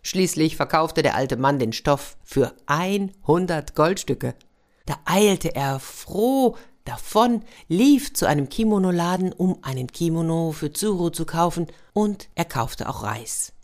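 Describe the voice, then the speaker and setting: A woman reads a fairy tale aloud in a lively, expressive storytelling manner. Her voice sits low. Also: unhurried. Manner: warm, lively storytelling with sound effects.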